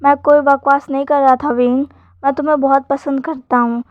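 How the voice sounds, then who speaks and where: A woman's voice: high-pitched, little pitch movement, a little fast, dry recording, natural voice. A woman reading Wenchao, a scheming possessive young man. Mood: pleading. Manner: read in a plain narrating voice, softer when plotting. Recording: dull lo-fi sound.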